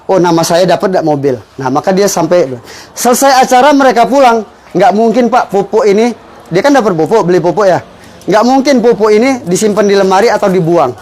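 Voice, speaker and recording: A man giving an informal motivational business pitch, persuasively explaining and punctuating his points with rhetorical questions. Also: lively intonation, a little fast, darkish tone. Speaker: business presenter explaining a fertilizer sales strategy.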